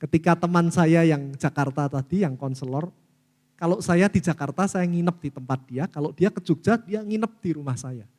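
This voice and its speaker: A man's voice: fairly high pitch, normal speed. A middle-aged pastor preaching a sermon with an Indonesian accent, calling out to the congregation as he teaches. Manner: lively preaching, often addresses listeners as saudaraku. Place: church hall. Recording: long reverb of a church hall.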